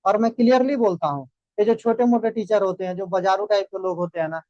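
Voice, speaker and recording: A man's voice: high voice, fast, darkish tone, no echo. Guy teacher giving students a pep talk, keeps asking thik hai na, muffled dry mic. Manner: lecturing, addresses students as beta; repeats "thik hai na" checks. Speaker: biology teacher. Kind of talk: motivational class talk. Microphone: online class mic. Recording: dull dry sound.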